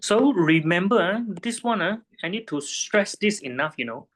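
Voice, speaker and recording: A man's voice: sits high, animated, normal speed, a bit bright. Patient male physics tutor checking answers. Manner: patient, checks understanding with frequent tag questions. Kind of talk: one-on-one tutoring lesson.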